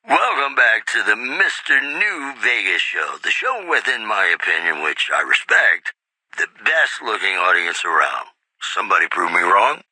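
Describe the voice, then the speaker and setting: Mister New Vegas, a bright, suave radio host. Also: male voice, fairly low pitch, dry recording, exaggerated voice, poor audio. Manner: smooth, crooning, flattering showmanship. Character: suave, flirtatious, self-assured male radio host and newsreader. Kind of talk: retro lounge radio DJ patter.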